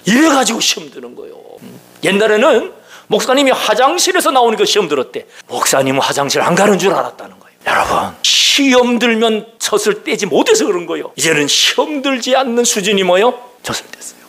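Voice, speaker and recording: A man preaching a sermon as pastor, firing questions at the congregation and dropping into hushed whispers for emphasis. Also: sits high, big pitch swings, fairly quick, breathy edge.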